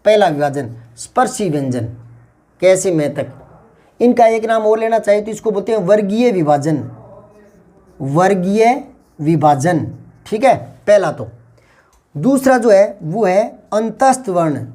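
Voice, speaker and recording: A man's voice: high voice, lively intonation, moderate pace, dark tone. A man teaching grammar in an exam-prep lesson. He explains patiently, repeats key terms and asks rhetorical questions.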